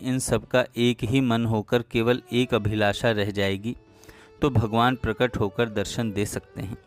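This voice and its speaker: A man narrating a devotional story in a calm, measured reading voice. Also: mid-range voice.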